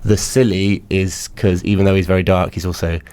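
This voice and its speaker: A man's voice: deep voice, steady tone, fairly quick, darkish tone, clear, resonant tone. A man being interviewed as a musician guest, talking casually and hesitantly with many fillers.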